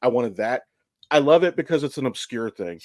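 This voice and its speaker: In a dry, studio-quality recording, a man in his thirties from Ohio hosts a casual podcast. His mid-range voice has a darkish tone, and he talks fairly quickly and expressively. He chats candidly, telling rambling stories laced with plenty of profanity.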